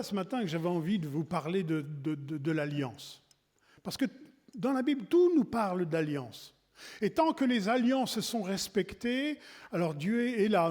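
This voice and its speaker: A man's voice: high-pitched, a little mellow. A man giving a wedding sermon in a church, talking in a conversational way with frequent restarts and asides. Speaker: preacher at a wedding service. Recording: long reverb in a church hall.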